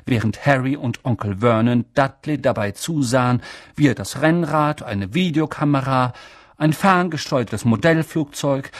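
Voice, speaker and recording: A man reading a children's novel aloud in measured, expressive storytelling. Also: mid-range voice, no room sound, studio quality. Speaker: audiobook reader. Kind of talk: scripted storybook narration.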